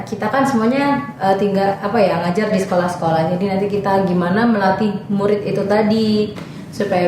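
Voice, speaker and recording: A young woman, a volunteer teacher, telling her experiences in a casual, chatty podcast interview. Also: fairly low pitch. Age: young adult. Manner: chatty, many fillers, acts out students' voices. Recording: very echoey room with faint noise.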